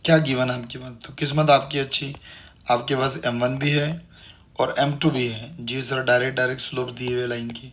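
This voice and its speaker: Male math tutor, mid-pitched, repeats each step patiently. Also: level tone, normal speed, a bit bright. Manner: repetitive, coaxing, calls students "beta". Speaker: math teacher. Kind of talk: online classroom lecture.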